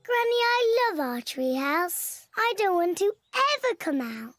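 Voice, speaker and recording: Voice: very high voice, sing-song, unhurried, full character voice. A performer voicing a cheerful, bossy little girl piglet with a British accent in a preschool cartoon. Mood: happy. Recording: loud cartoon music behind.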